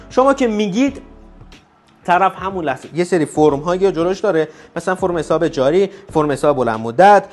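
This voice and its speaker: A man with a Persian accent teaching a casual English lesson, explaining step by step and slowly repeating English phrases. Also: high voice.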